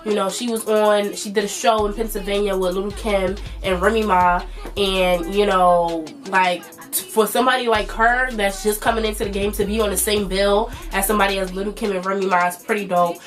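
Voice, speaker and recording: A woman's voice: medium pitch, flat delivery, normal speed, faint music behind. A woman in her twenties with a stuffy, nasal voice, chatting loosely as a vlog host with plenty of fillers. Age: 20s. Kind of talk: casual commentary.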